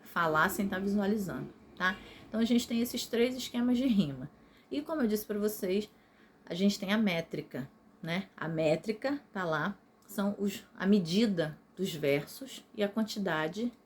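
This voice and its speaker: A Brazilian woman teacher records a video lesson, speaking at a middle pitch in a patient, explanatory way. She keeps checking in with her students as she goes. A faint hiss of background noise sits under her voice. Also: darkish tone. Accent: Brazilian Portuguese.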